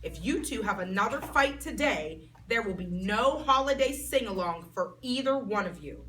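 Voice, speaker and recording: A woman reading aloud and voicing a patient male teacher who corrects and scolds calmly. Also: medium pitch, lightly acted. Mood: stern calm. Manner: calm, measured, corrective. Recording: voice a bit far from mic, faint background noise.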